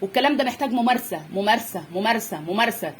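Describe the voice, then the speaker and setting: A woman's voice: fairly high pitch, lively intonation, very fast, a little hiss or hum. A young woman with an Egyptian accent teaching children's reading to parents, drilling letter sounds and stretching out words as she repeats them. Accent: Egyptian Arabic. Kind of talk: phonics lesson for parents.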